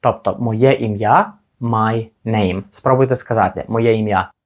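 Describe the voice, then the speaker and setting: A man teaching children simple English words slowly, encouraging them and pausing so they can repeat. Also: on the low side. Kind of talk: slow, clear language lesson for kids.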